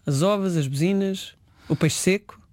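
A man's voice: sits high, normal speed, a little mellow, no room sound, studio quality. A man interviewing a chef, asking long, winding questions full of fillers.

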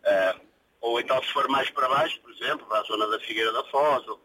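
A man's voice: mid-range voice, quick pace, pushed and bright, a little hiss or hum, low-quality recording. A man from Portugal, a truck driver calling in to a radio show, talking casually and often stumbling over repeated words. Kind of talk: casual phone-in chat.

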